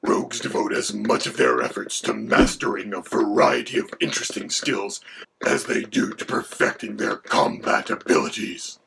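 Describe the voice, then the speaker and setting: A voice, given as male, playing a haughty dragon companion with a gravelly, creaky, half-whispered sound. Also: fairly low pitch, very animated, moderate pace, noisy background, heavily acted. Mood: lecturing. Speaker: co-host.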